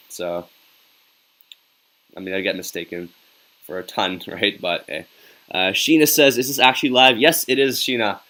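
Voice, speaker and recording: With a lowish voice that's bright and forceful, a young man live-streams his reactions to a hockey game. He's upbeat and talkative, reading viewers' comments out loud, throwing in plenty of "yo," and getting his audience hyped.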